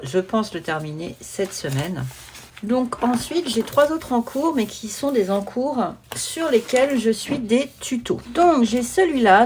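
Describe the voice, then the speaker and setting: A woman with a mid-range, somewhat dark voice chats in a relaxed, informal way while presenting a hobby vlog about her coloring projects. She sits at a desk at home, and the recording is noisy with clicks.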